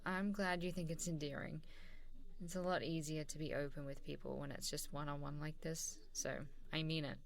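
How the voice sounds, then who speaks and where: A woman's low voice, fairly even in intonation and at normal speed, carries a caring, encouraging mood. She plays a warm, supportive female boss delivering a praising review in a softly conversational, one-sided ASMR role-play, casual and chuckling hesitantly between phrases.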